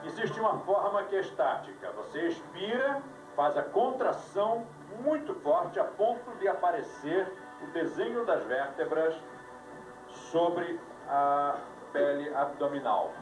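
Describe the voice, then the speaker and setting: A man's voice: fairly high pitch, big pitch swings, measured pace. A man leading a live yoga class, giving instructions with dry jokes, heard on an old VHS tape recording. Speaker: yoga teacher. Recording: echoey room, voice from far off, music behind, old VHS tape.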